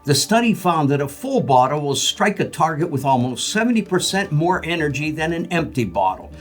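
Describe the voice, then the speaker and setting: A man's voice: a little high, very animated, a little fast, faint music behind. A man playing a parody local news anchor, brash, cynical and bluntly sarcastic. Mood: deadpan. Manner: blunt, sarcastic, foul-mouthed.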